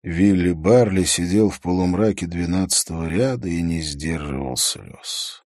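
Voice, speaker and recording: A man giving a steady, measured audiobook narration. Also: deep voice, dry recording, clean studio sound. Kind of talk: scripted narration.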